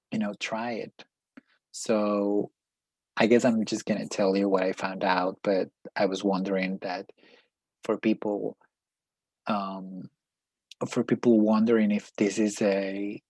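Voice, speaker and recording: A Peruvian man, a native Spanish speaker with a Peruvian Spanish accent, works as a life coach and energy healer and shares personal reflections in a spiritual vlog, searching for his words as he goes. His voice sits on the low side and is a little mellow, in a dry recording of poor audio quality.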